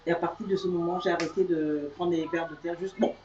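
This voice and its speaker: A woman co-hosting a live chat, telling a childhood story in a soft, hesitant way. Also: fairly low pitch, steady tone, quick pace. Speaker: co-host. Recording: distant, roomy, dull sound.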